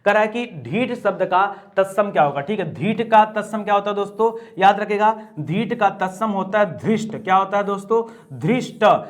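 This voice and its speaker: A man's voice: sits high, normal speed, hardly any pauses. A male Hindi grammar teacher working through an exam quiz, repeating each answer and checking in with the class again and again. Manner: drills answers with repeated "ठीक है?" and "दोस्तों". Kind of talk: exam prep lesson.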